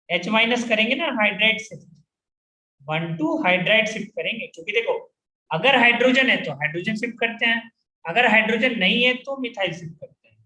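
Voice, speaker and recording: A man's voice: sits high, bright, forceful tone. A man teaching chemistry to a class, repeatedly firing questions at his students and drilling the answers. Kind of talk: classroom lecture. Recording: echoey room.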